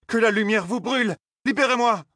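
A man voicing a defiant young village wise woman who shouts in fury. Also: high voice, fairly quick, no echo, clean studio sound. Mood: furious. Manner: shouting, furious.

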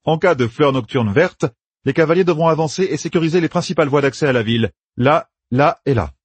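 A man's voice: on the high side, slightly rough, dry recording, voice pushed up. A man voicing a brash young schemer who barks out plans in a raised, emphatic voice in an audiobook. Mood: commanding. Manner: bossy, emphatic, rapid-fire planning.

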